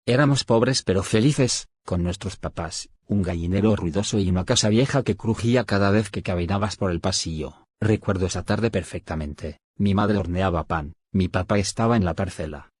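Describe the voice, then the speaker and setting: A man narrating a scripted first-person horror story in a steady storytelling manner, slowing down on key moments. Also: low-pitched, breathy edge, no room sound.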